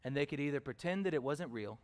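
A man's voice: a little high, animated, fast, smooth. A man preaching a sermon, telling personal stories in a conversational way, with fillers and questions put to the congregation. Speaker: pastor.

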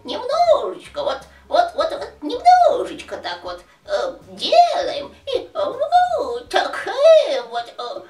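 A woman voicing a kindly elderly wizard with a shaky old voice, thin, slightly nasal and childlike, with drawn-out doting intonations. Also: very high-pitched, wildly swooping pitch, a little mellow, voice pushed up, heavily acted. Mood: doting, quavering. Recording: roomy, distant microphone.

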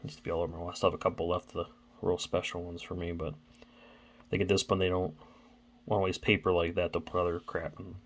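This card-opening channel host speaks quickly in a deep, level voice. His casual vlog chatter wanders as he thinks out loud, with the occasional stammer.

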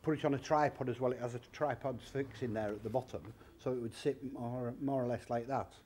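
Speaking fairly quickly in a mid-range, darkish voice with fairly even intonation, a man in his fifties is heard over a little hiss or hum. He's the owner of a secondhand shop, and in a large indoor furniture warehouse he gives a chatty, plain interview, demonstrating items and explaining prices step by step.

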